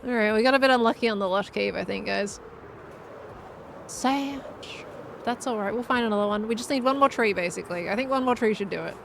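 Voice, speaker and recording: A woman chatting casually to her live stream while playing a game, with a deadpan, monotone delivery. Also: fairly high pitch, fairly quick, vocal fry, noisy background.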